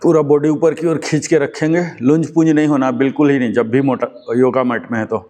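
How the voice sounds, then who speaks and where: A man's voice: medium pitch, level tone, brisk. Man guiding a yoga class, patient. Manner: patient step-by-step instruction with soft chanting. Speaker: yoga instructor.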